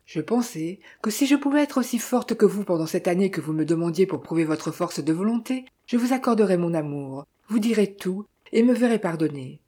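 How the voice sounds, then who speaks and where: A woman's voice: mid-range voice, expressive, a little fast, few pauses, dark tone, husky. A woman voicing a torn young woman. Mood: sorrowful. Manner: pleading, sorrowful.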